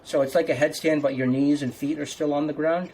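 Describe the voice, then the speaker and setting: A man's voice: on the high side, steady tone, fairly quick, a little mellow, slight background noise, low-quality recording. A man talking casually like a fitness coach, giving instructions step by step.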